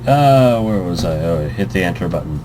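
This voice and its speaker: In a noisy amateur home recording, a man narrates a let's play casually, reading the game's text and breaking into rambling asides that cut themselves off. His voice is low, animated, and a little fast.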